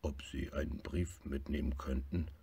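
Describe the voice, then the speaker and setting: A man voicing a slow, gruff little male bear in a storybook reading, low and often half-whispered, with a gravelly, husky voice. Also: steady tone, warm tone, full character voice. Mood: gentle.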